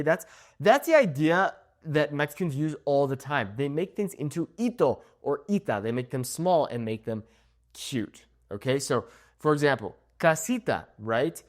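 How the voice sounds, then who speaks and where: A man's voice: fairly high pitch, a little mellow. A young man giving a casual video lesson on Spanish, often checking in with "okay?" as he explains. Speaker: Spanish teacher.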